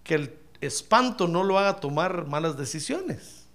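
Lively high-voiced male preacher. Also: unhurried. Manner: animated, addresses listeners as brother; humorous, acts out Bible scenes. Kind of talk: sermon.

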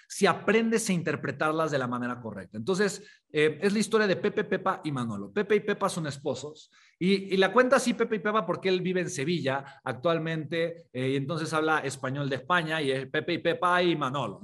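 A man's voice: sits high, a bit bright. A man giving a live motivational talk, telling a story with hesitant restarts and rhetorical questions. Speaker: motivational speaker.

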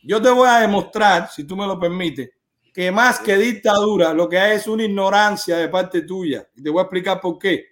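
A man's voice: high voice, moderate pace, a bit bright. A man hosting a live stream, arguing insistently and lecturing a caller point by point.

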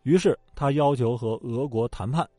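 A man's voice: mid-range voice, normal speed, dark tone, dry recording. A man telling history in a casual, joking storytelling way, with colloquial asides. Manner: colloquial and joking, with acted quotes. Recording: dry close mic with faint background music.

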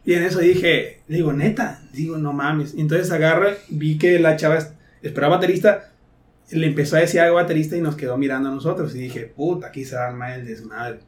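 A man's voice: a little high, brisk. A man with a Mexican accent, a podcast guest telling a story in a casual, slangy way and acting out his friends' lines. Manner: animated, slangy, quotes friends in lively asides.

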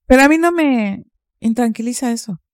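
A woman psychologist, calmly explaining and asking rhetorical questions in a podcast conversation. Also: on the high side, normal speed, no room sound, clean studio sound. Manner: calm, explanatory, asks herself rhetorical questions.

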